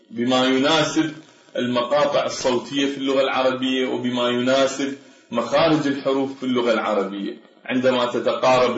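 A man delivers a measured academic lecture, pausing to carefully pronounce example words. The recording is roomy and echoey, with a dull, lo-fi tone. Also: medium pitch. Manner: measured, explanatory, slows to sound out example words. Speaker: Arabic language lecturer.

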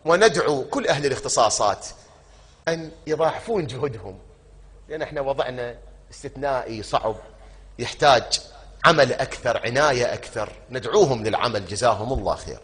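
A man preaching a sermon in an Iraqi Arabic accent, putting questions to the congregation and answering them himself, stretching key words out slowly. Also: medium pitch, expressive, fairly bright tone, breathy edge.

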